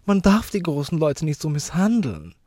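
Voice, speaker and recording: A man voicing a prim, prissy widow lady in a high, affected, preachy voice in a storybook reading. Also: very animated, normal speed, warm tone, no room sound, clean studio sound.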